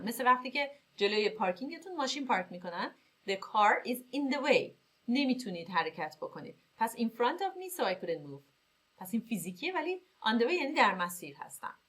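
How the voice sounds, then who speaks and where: A woman teaching English vocabulary in Persian, reading example sentences slowly and clearly, then explaining them briskly. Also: mid-range voice, fairly bright tone.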